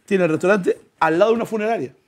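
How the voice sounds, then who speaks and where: A young comedian from the Canary Islands, with a high voice and a racing delivery, tells a comic story. He is animated throughout, acting out the characters' voices and laughing through his lines.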